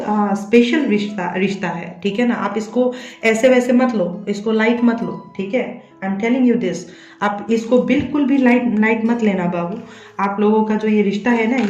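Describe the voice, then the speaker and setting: A woman's voice: medium pitch, darkish tone, echoey room, lo-fi sound. A woman speaks to viewers as a tarot reader and psychic medium, coaxing them along and checking again and again that they follow. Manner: coaxing, repeats a tag question to check the listener follows. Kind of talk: addressing viewers directly in a tarot reading.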